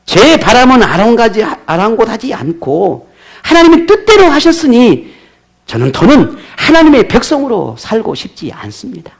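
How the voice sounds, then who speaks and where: A pastor putting on an indignant, resentful prophet. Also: male voice, very high voice, huge pitch swings, moderate pace, creaky, husky, pitched above the performer's own voice, exaggerated voice. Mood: bitter. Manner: indignant, complaining protest. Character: resentful grown man prophet pleading angrily with God.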